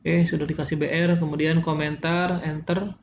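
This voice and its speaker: Male tutorial instructor, higher-pitched voice, dictating step by step in bits; dull, roomy recording. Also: level tone, moderate pace. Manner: dictating code piece by piece. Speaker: tutorial teacher. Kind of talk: informal step-by-step coding tutorial. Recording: dull, roomy audio with faint noise.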